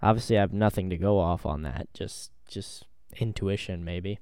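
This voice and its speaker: Laid-back man with a smooth, low voice. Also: moderate pace, darkish tone, dry recording, studio quality. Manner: easygoing, hedging with ums and repeats. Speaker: podcast co-host. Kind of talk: casual sports chat.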